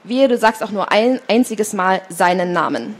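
Woman reading as shrill, panicked woman. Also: animated, moderate pace, natural voice. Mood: shrill fury. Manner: panicked, pleading, then screaming. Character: frantic dark-haired woman, shrill and commanding. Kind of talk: live reading of a novel. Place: book fair stand, indoors.

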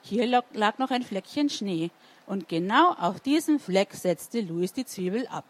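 A woman's voice: mid-range voice, expressive, unhurried. A woman reading a story to children and asking them questions as she goes. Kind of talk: interactive read-aloud storytelling.

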